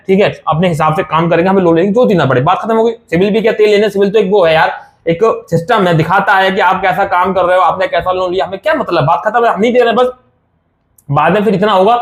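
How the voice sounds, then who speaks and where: Fast-talking man giving advice. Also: sits high. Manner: reassuring, repetitive, addresses viewers as brother. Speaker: loan advice YouTuber. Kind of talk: casual direct-to-camera advice.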